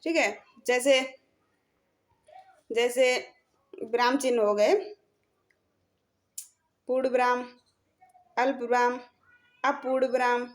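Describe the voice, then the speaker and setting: A woman with a high voice explains a grammar lesson. She goes step by step, repeating each point and pausing to check in with her students. Her speech mixes in terms along the way. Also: level tone. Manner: slow, repeats points, says "theek hai" often. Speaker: Hindi grammar teacher.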